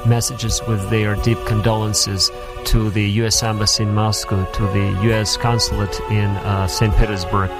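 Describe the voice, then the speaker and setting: Man over loud music. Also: on the low side, flat delivery, moderate pace, hardly any pauses. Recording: loud music bed behind.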